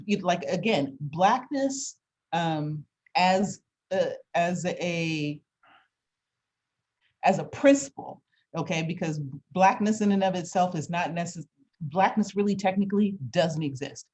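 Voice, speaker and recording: Casting: woman interviewer, slightly low voice, reflective, halting, conversational explanations. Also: a little mellow.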